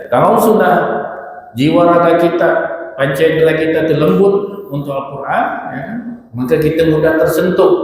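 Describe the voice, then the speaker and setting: A man's voice: a little high, a little mellow. A male religious teacher, giving an informal study talk to women. He talks in a chatty way, teases his listeners and addresses them directly. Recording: very echoey hall with long reverb.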